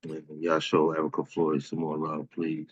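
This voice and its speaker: A man's voice: a bass voice, completely flat delivery, normal speed, slightly rough, dry recording. A man hosting an open mic poetry show, hyping the poets and bringing up the next reader in a casual, encouraging way, on dull lo-fi audio. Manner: warm, encouraging, hypes the poets.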